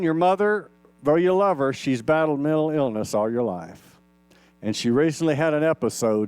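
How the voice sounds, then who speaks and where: Older man in his 60s, minister, folksy storytelling sermon, smooth and slightly high voice, dry close sound. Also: a little mellow, dry recording. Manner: folksy, conversational, acts out quoted dialogue. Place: church sanctuary.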